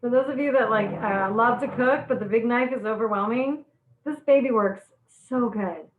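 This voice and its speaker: A bubbly woman with a fairly high voice leads an online cooking class, chatting and laughing at her own jokes while her eyes water from onions. Her voice comes through thin and phone-like, bouncing around an echoey kitchen. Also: moderate pace, a little hiss or hum. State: teary from cutting onions.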